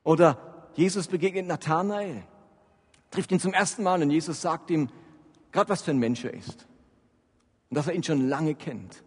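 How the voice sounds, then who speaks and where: A man preaching a sermon with a high, ringing voice and lively, emphatic delivery. His words trail off into the long reverb of a big hall. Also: normal speed, long pauses, slightly rough. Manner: animated, emphatic preaching with frequent rises in loudness. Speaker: pastor.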